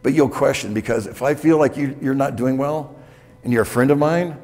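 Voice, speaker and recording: A man's voice: medium pitch, fairly quick, darkish tone. A man in his sixties giving a candid, conversational keynote talk to a conference audience, often checking in with "okay?", on a lapel mic. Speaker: keynote speaker. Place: hotel conference room with audience. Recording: reverberant conference hall.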